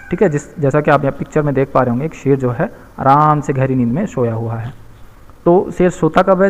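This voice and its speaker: A male teacher walks young pupils through a children's story, patiently explaining difficult words and checking in with them often. His voice sits a little higher than most men's. A long hall reverb hangs on every phrase.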